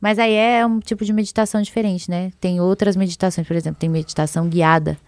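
A young woman talks loosely and cheerfully as a guest on a casual podcast, jumping between thoughts and correcting herself as she goes. Her voice sits slightly low for a woman, and the recording is dry and close. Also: steady tone, fast, darkish tone, dry recording. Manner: chatty, rambling, giggly, self-interrupting. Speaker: podcast guest, ASMR content creator. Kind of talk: casual chat.

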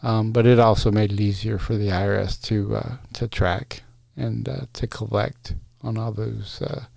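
The solo podcast host here has a lowish, creaky, darkish voice, keeping a steady tone at normal speed. His casual chatter is loaded with uhs and restarts, and the studio-quality audio carries no echo.

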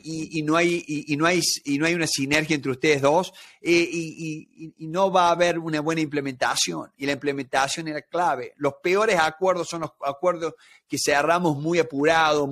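A man's voice: on the high side, fairly bright tone. Rioplatense man explaining with examples. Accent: Rioplatense Spanish. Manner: explanatory, talks through everyday examples. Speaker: negotiation expert guest. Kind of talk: conversational interview.

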